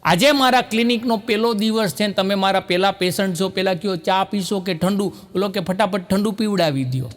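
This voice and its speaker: A man telling comic folk stories on stage, jumping to higher voices for his characters. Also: fairly quick, few pauses. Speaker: stand-up comedian and storyteller. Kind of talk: live Gujarati folk comedy storytelling. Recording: live hall recording with long reverb.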